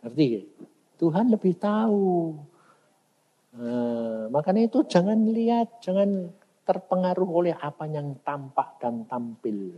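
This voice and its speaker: An older man preaching in a folksy, animated, conversational way and slipping in regional slang. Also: fairly high pitch, takes it slowly, lo-fi sound, a little hiss or hum. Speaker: evangelist preacher. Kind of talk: conversational sermon with questions. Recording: long hall reverb.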